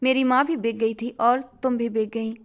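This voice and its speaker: A woman's voice: a little high, little pitch movement, moderate pace, natural voice. A woman reading the lines of a drunk, bitter young husband in a storybook narration, harsh and scornful.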